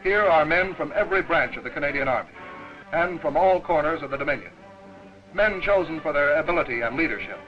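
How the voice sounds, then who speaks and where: In the brisk, declamatory style of an old newsreel, a man narrates expressively with a voice a little on the high side. Music is clearly audible behind him, and the sound is dull and lo-fi like a 1940s soundtrack.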